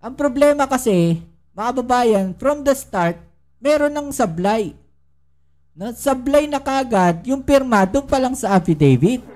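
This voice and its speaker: A woman's voice: on the high side, lively intonation, unhurried, darkish tone. A woman giving casual political commentary to her viewers, full of rhetorical questions and tag questions. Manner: addresses viewers directly and often.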